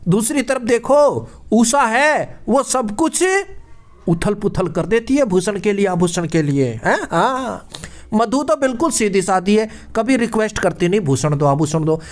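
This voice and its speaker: A man's voice: sits high, lively intonation, unhurried. A man teaching general knowledge for exams in a casual lesson, with playful puns and chatty repetition. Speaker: quiz teacher. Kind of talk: casual exam-prep lesson.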